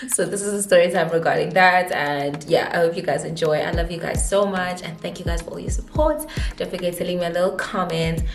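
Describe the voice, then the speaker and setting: Chatty South African woman, slightly low voice. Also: fairly even intonation, brisk, faint music behind. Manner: chatty, giggly, slips into Zulu phrases. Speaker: vlogger, makeup artist. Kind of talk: casual storytime vlog. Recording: echoey room.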